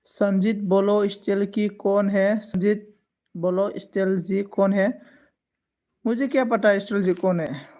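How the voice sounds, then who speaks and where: A man with a high voice chats casually on a live stream, taking his time over each word. He greets viewers one by one and teases them playfully as he reads out their comments. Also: fairly even intonation, unhurried, dark tone.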